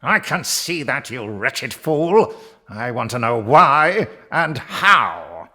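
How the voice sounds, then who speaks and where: An actor playing Titan, a tyrannical undersea ruler, pompous and scornful in an audio drama. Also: male voice, medium pitch, sing-song, slow, sharp tone, full character voice. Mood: menacing.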